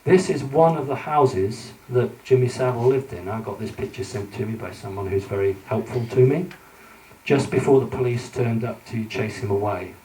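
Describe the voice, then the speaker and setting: Man, conference speaker, mellow tone, hesitant fillers, recorded from a distance in an echoey hall. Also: mid-range voice, moderate pace. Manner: earnest, hesitant with frequent fillers. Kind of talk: conference lecture with slides.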